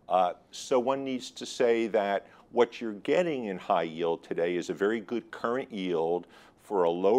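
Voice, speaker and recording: A man speaking as an expert interview guest on financial markets, in a measured, considered and analytical manner. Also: on the low side, a little mellow. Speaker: guest expert on high yield bond markets.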